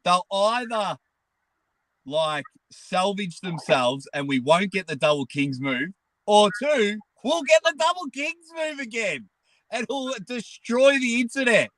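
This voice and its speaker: Man, Australian accent, nasal, high-pitched, very lively intonation, sweary casual banter, dry sound. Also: unhurried, dry recording, poor audio. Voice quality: nasal, blocked nose. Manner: sweary, joking, blunt. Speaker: guest, arm wrestling personality. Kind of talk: casual chat on a live stream. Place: sitting in a car.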